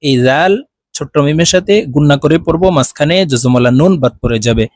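A man with a Bangladeshi accent teaching Quran reading, slowly spelling out syllables and drawing out each sound. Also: a little high, a little mellow, no room sound. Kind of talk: slow spelled-out recitation lesson.

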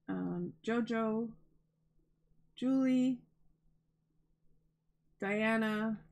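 In a low-quality recording, a crafting channel host with a medium-pitched, slightly mellow voice and vocal fry unboxes donated yarn. She is chatty, gushing and emotional, on the verge of tears.

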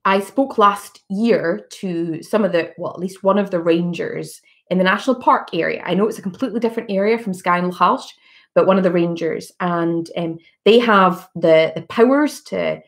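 Scottish woman politician on a home webcam, gravelly low voice, careful and halting with many fillers. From Scotland. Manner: measured, many fillers and restarts. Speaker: politician answering constituent questions. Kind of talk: virtual town hall Q&A. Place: living room at home. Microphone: laptop webcam on a video call.

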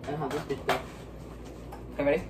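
A man's voice: a little high, fairly even intonation, fast, recorded from a distance, very noisy. A young man playing a party game with a friend, brash and trash-talking, swearing freely. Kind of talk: casual banter during a game.

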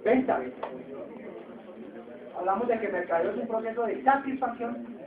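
A man's voice: very high voice, normal speed, crowd noise. A man with a Colombian accent giving an emphatic business lecture, who keeps asking the audience rhetorical questions. He sounds far from the mic, with a tinny, echoey tone. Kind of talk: classroom lecture. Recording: distant echoey phone-like sound.

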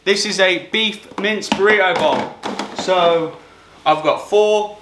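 A young man with a fairly high voice talks casually and upbeat while cooking at home. He is picked up from across a small kitchen, so the sound is roomy and echoey. Steady background noise sits under his voice. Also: slow pace. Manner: chatty, upbeat, talking to camera while cooking. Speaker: fitness vlogger. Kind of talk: casual how-to vlog. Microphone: camera mic from across the room.

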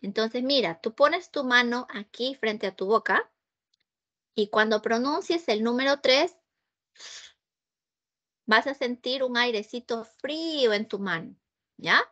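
A woman's voice: a little high, animated, a little slow, long pauses, fairly bright tone, lo-fi sound. Patient Peruvian woman teaching English. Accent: Peruvian Spanish. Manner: patient, repeats and checks understanding with frequent "ok?". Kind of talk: online class, mixing Spanish and English. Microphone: video call.

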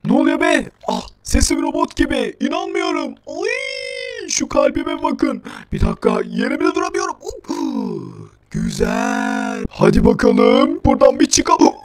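A woman playing a game and excitedly commentating through a robot voice filter, exclaiming and shouting. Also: high voice, unhurried. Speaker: game player.

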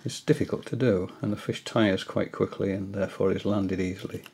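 In a small room at home, an older man who fishes as a hobby gives a casual demonstration tutorial. His husky, low, dark voice is steady and fairly quick, yet hesitant, with many fillers and restarts.

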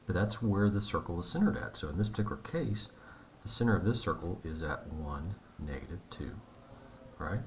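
A man with a very low voice works through a math problem on a board, talking to students in a relaxed, chatty way. His explanation moves step by step. Faint background noise sits under his voice. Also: moderate pace. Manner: relaxed, conversational explaining with fillers. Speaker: math teacher. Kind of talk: whiteboard math lesson.

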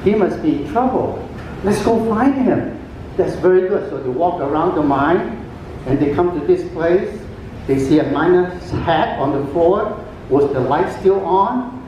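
An older man, Cantonese by first language, performs stand-up in a talent show in a cruise ship atrium, his delivery expressive, mellow, and chatty with frequent pauses and fillers. A distant camera records his handheld mic echoing through the PA, with highs cut off and a little hiss or hum.

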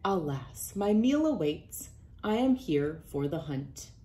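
A woman's voice: on the low side, big pitch swings, slow pace, dark tone. A woman voicing a lofty, formal hunting fox from a storybook in a pompous, theatrical manner. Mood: haughty.

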